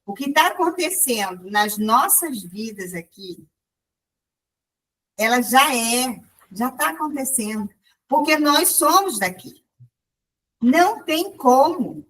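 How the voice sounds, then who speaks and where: A woman's voice: high voice, expressive, slow, pauses often, fairly bright tone, far from the mic, poor audio. A woman sharing a spiritual testimony at a group meeting, telling it with many restarts and quoted dialogue.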